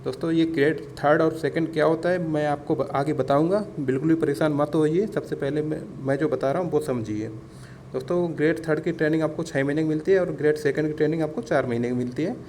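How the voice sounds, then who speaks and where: An exam-prep instructor talks quickly in a slightly high, somewhat mellow voice during an informal lesson. He goes over things repeatedly, calls the audience his friends, and uses English words along the way, over clearly audible background noise.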